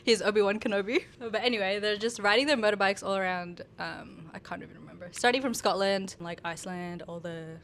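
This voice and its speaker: A twenty-nine-year-old woman, a guest on a podcast, chatting casually and softly, often trailing off. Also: medium pitch, fairly quick, hardly any pauses, slight background noise. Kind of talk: casual chat.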